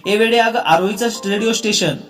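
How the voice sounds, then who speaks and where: Man doing smitten cheerful young guy, storybook, high voice. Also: fairly quick, fairly bright tone, soft background music.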